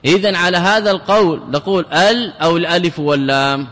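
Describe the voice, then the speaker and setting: Man, sheikh lecturing, fairly high voice, asks and answers his own questions, repeats key words, long hall reverb. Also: quick pace, a bit bright. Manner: asks rhetorical questions and answers them himself. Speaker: sheikh teaching grammar. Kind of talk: classical Arabic grammar lecture.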